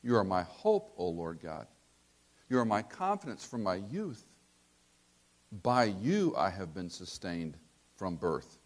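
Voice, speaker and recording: A man's voice: low-pitched, wildly swooping pitch, slow pace, pauses often. An older man preaching a sermon, asking rhetorical questions and acting out quotes.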